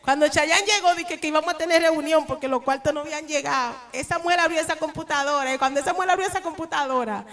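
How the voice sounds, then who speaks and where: High bright Dominican woman preacher. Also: quick pace, hardly any pauses. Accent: Dominican Spanish. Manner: animated storytelling, laughing, acting out dialogue. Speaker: preacher giving testimony. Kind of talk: church testimony.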